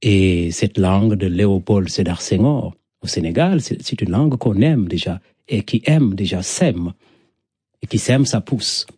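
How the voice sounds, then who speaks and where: A middle-aged man from Senegal, whose first language is Wolof and who has a Senegalese accent, talks reflectively in a storytelling interview, leaning on poetic repetition. His lowish voice is animated yet unhurried, dark-toned with a breathy edge, recorded dry with clean studio sound.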